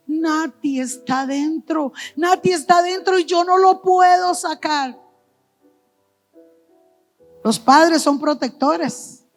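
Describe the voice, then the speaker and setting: High-voiced woman giving an emotional testimony. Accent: Costa Rican Spanish. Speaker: pastor's wife giving testimony.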